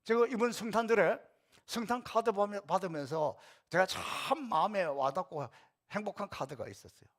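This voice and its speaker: A man's voice: sits high, normal speed. A middle-aged male pastor preaching a sermon in a church, talking to the congregation directly and acting out quoted retorts. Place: church sanctuary.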